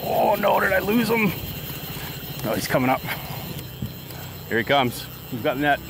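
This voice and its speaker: A man's voice: a little high, very animated. A man hosting a fishing show, teasing and joking in casual banter out on a boat. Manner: joking, teasing, quick laughs. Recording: boat and water noise behind.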